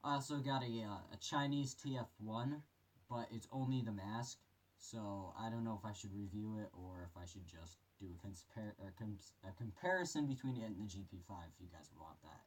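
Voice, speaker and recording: A man's voice: on the low side, a little fast. A man giving a casual gas mask review, his voice muffled as he talks through the mask he is wearing. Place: bedroom.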